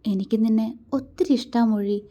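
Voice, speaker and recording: A woman's voice: fairly high pitch, moderate pace, mellow, dull audio, lightly acted. A woman storyteller voicing an affectionate, teasing young husband in a playful, coaxing way.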